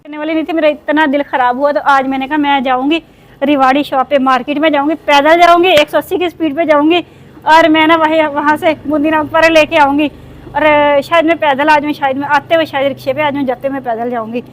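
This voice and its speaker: A woman's voice: high-pitched, steady tone, brisk. A woman in her thirties vlogging casually to her viewers, telling rambling everyday stories in a chatty way. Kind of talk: casual vlog chat to viewers.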